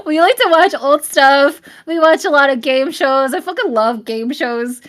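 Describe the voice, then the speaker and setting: A young adult woman live-streaming, talking straight to her chat in a blunt, profane, rambling rant, at times shouting and often apologizing. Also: high-pitched, measured pace. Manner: profane, blunt, swears constantly. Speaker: livestreamer.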